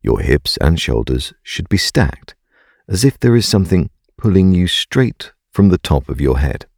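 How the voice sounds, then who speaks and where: Man, guided meditation, gravelly bass voice, calm and gentle, close dry sound. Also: dry recording. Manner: calm, gentle, unhurried delivery. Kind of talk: scripted guided meditation, slow and soothing.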